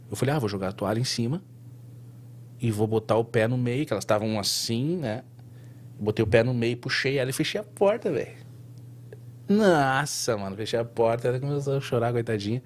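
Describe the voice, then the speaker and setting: A man tells a long story as a guest in a casual interview. His voice sits at an ordinary middle pitch. He talks in an animated, slangy way, full of fillers and quick restarts. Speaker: tattoo artist guest.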